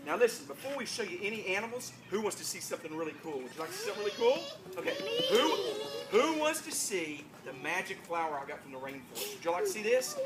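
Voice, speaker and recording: A children's entertainer hosting a live show like a kids' party magician, with playful, coaxing call-and-response patter and clownish mock surprise. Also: medium pitch. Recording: noisy live room full of children. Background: loud crowd of children, ambient noise.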